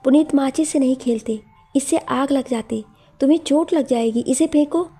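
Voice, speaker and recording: A woman's voice: high voice, normal speed, soft background music. Woman voicing a caring storybook mother. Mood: scolding. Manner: gentle, scolding. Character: caring mother scolding and comforting her son.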